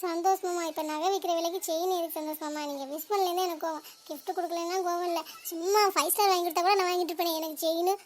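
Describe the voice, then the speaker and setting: A woman voicing Meena, a chatty, sharp-tongued young wife in a cartoon, talking fast and teasing. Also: extremely high pitch, fairly even intonation, a little hiss or hum. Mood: playful.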